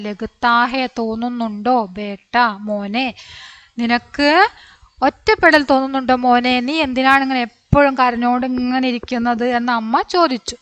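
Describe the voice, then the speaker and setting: A woman's voice: high-pitched, a bit bright, no room sound. A woman teacher explaining a textbook chapter line by line. She reads each line, translates it, then asks the listener questions about it. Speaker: Hindi teacher.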